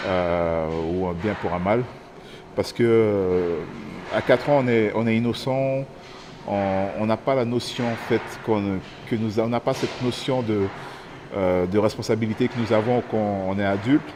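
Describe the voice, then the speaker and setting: A man's voice: lowish voice, background noise. Thoughtful man in his thirties from French Guiana. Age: 30s. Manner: thoughtful, searching for words. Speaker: interviewee. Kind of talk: personal testimony.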